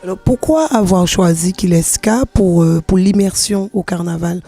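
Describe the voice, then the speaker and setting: Interviewer with a dark mellow voice. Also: mid-range voice, moderate pace, soft background music. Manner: brief, prompting questions.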